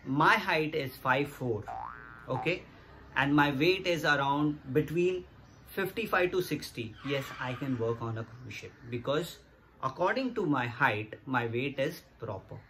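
A man's voice: mid-range voice, expressive, unhurried, a bit bright, a little hiss or hum. A man, explaining to camera in a casual, earnest way and repeating his points to viewers. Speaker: vlogger. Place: small indoor room against a plain wall. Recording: music playing underneath.

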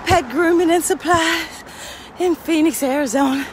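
A woman's voice: extremely high pitch, normal speed, background noise. A woman pastor talking casually while walking her dog, praying and chatting to viewers. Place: outdoors on a street, then inside a pet shop.

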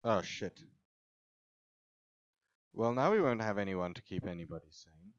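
Lively low-voiced man, slow and muttering. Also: dry recording. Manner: exclaims often, bosses game characters around, mutters to himself. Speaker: gamer playing and commenting. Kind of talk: casual let's-play commentary. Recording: dull lo-fi home recording.

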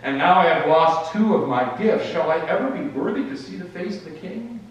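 A man voicing a devout, humble wandering sage, speaking low and steady and then pleading in prayer. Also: brisk, lo-fi sound. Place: church sanctuary. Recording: echoey church from a distance.

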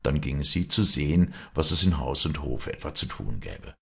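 Deep, gravelly, husky male narrator. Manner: expressive, measured storytelling. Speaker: audiobook reader. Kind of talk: audiobook narration.

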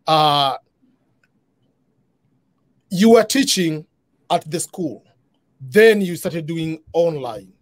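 A man's voice: fairly high pitch, animated, drawn-out words, pauses often, no echo. A middle-aged man hosting a live online interview from his living room over a video call, earnest and full of fillers. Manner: earnest, restarting, many uh fillers. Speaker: interview host.

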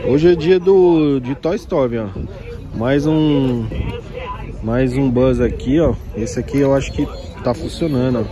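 A man's voice: medium pitch, measured pace, crowd noise. A man with a Brazilian Portuguese accent, casually and eagerly showing off toys at an outdoor street market while filming on a handheld phone. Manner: casual, enthusiastic, constantly pointing things out. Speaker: vlogger browsing toy stalls. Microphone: handheld phone camera. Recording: outdoor street with music and traffic.

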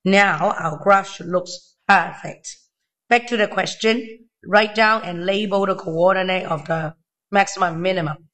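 Male maths tutor, high-pitched thin voice, weak from being unwell, informal step-by-step delivery. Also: fairly bright tone. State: unwell, weakened voice. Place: indoors at a desk.

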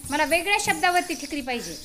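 A woman teacher running a reading game with young pupils, giving brisk directions and frequent praise. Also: high voice, big pitch swings. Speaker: primary school teacher. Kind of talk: classroom reading game instruction. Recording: noisy outdoor recording.

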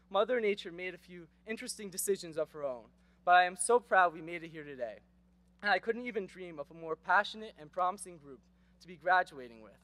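A teenage boy delivers a prepared graduation speech at a podium microphone on an outdoor stage. He's earnest and rhetorical, slipping in wry asides, and his voice sits high with a fairly bright tone.

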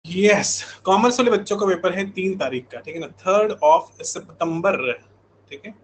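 In casual live-class chat, an online coaching teacher from India, in his thirties, talks conversationally and keeps checking in with students using repeated tags. He has a high-pitched voice and an unhurried pace, and the audio quality is poor.

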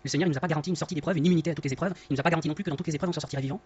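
A man giving an earnest, conversational Bible study talk, often rephrasing himself, his voice masked by voice-disguising software on a dull, lo-fi recording. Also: fairly high pitch, rapid-fire, breathy edge. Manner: earnest, rephrases often, tags lines with "hein". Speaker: Bible teacher. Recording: dull lo-fi sound.

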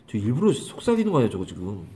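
A man's voice: mid-range voice, huge pitch swings, very fast, dark tone, a little hiss or hum. A man teaching an English grammar lesson to a class, calling on students by name, repeating questions and scolding them. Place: small classroom.

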